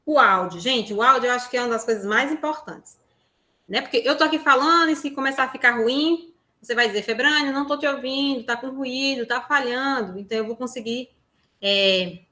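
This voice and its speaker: Bright-voiced Brazilian woman teaching a workshop. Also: fairly high pitch, lively intonation, fairly quick. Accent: Brazilian Portuguese. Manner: chatty, explanatory, with frequent tag questions. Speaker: workshop presenter. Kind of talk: online workshop lesson. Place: room at home. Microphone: lapel mic on a phone.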